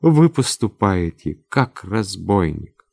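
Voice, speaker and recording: A man's voice: low-pitched, big pitch swings, slow pace, gravelly, a little mellow, dry recording, full character voice. A man reading aloud, voicing a frightened but defiant young woman in a storybook tale, pleading and tearful.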